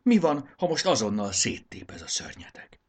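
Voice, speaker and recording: A man voicing an anxious but daring young male hero in a storybook reading, his voice jumping up high when excited.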